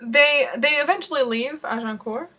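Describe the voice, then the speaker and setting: A woman's voice: sits high, normal speed, pushed and bright. A woman co-hosting a casual podcast, chatting about a book and thinking aloud with fillers. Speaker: podcast co-host.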